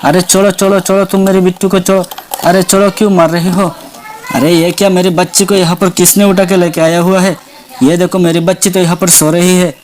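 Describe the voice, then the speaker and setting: A menacing female witch searches frantically and spits threats, voiced by a man with a high-pitched voice. She talks in quick repeated cries of alarm, storybook style. The voice sits high for a man's. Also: level tone, a little mellow, slight background noise, natural voice. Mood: threatening. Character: menacing female village witch hunting her baby. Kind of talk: toy doll storytelling.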